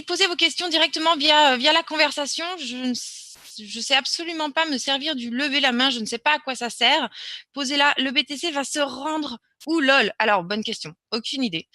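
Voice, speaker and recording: Woman hosting a webinar on her computer mic, high and bright, lots of ums and restarts, dry sound. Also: dry recording. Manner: chatty, hesitant with many fillers and restarts. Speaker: webinar presenter. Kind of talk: live webinar Q&A, casual explaining.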